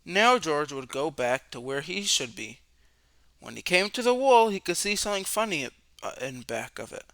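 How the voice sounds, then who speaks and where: With a voice on the high side, a man reads a children's storybook to young listeners, narrating expressively, stretching words and asking questions with drama. No room sound can be heard.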